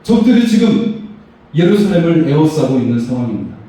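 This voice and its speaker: A man's voice: on the high side, big pitch swings, a little fast, warm tone. Man preaching in an echoey hall. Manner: emphatic preaching with rising, stressed phrases. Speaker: pastor. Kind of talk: sermon. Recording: echoey hall, voice far from mic.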